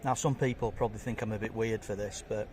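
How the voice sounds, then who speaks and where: A man's voice: on the low side, steady tone, quick pace, a little mellow, a little hiss or hum. A man reviews fish and chips to camera in a chatty, jokey way, chewing and talking between bites. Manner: chatty, jokey, talks while eating. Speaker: food vlogger. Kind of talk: casual food review to camera.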